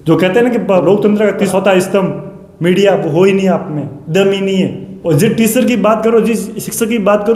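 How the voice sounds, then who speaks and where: A man's voice: sits high, mellow. A man, a coaching teacher, delivering an impassioned rebuttal monologue, fiery and repetitive with sarcastic direct address. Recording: echoey room with long reverb.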